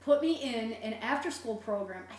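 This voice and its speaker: A middle-aged woman chats casually, telling stories and explaining things at length in a fairly high, slightly mellow voice with lively intonation at a normal speed. The recording is echoey, with a distant mic and faint noise and hum.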